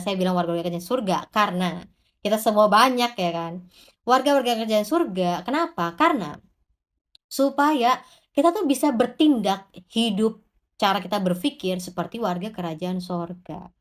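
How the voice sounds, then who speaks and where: A woman giving an informal devotional sermon, talking straight to the congregation and answering her own rhetorical questions. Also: mid-range voice. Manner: addresses the congregation directly. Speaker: preacher.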